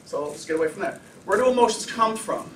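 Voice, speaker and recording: Animated man lecturing in an echoey room. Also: high-pitched, quick pace, recorded from a distance, a little hiss or hum. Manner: animated, conversational, acts out quotes. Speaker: anger management instructor. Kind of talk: informal classroom lecture.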